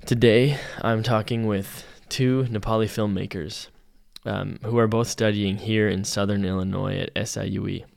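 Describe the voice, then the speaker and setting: A man from Canada hosting a podcast, talking in a relaxed, reflective way. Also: on the low side, normal speed, creaky. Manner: relaxed, reflective, talks through thoughts with fillers. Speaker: podcast host. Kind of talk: casual podcast interview.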